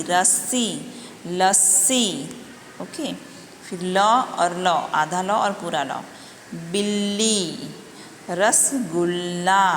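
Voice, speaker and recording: A woman's voice: medium pitch, a bit bright. A woman teaching a Hindi lesson to young children, patiently spelling out and repeating each word. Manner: slow, patient, spelling words out and repeating them. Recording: echoey room, faint background noise.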